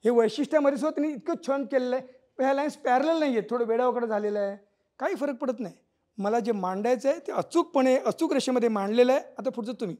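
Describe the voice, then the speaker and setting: A man's voice: very high voice, quick pace, mellow. Man explaining cartoons from a stage. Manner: explanatory, acts out characters' lines. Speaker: cartoonist presenting a talk. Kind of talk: illustrated lecture on cartoons. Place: auditorium stage.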